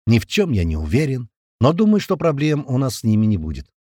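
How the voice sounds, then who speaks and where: Man doing a curt gruff squad commander. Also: mid-range voice, wildly swooping pitch, a little fast, mellow, no room sound, studio quality. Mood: calm.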